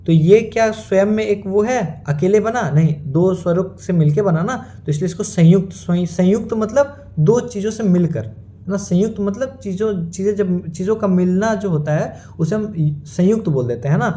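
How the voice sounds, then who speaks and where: A man's voice: sits high, moderate pace, dark tone. A man teaching a lecture in a classroom style, asking his students questions and answering them himself. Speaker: Sanskrit teacher.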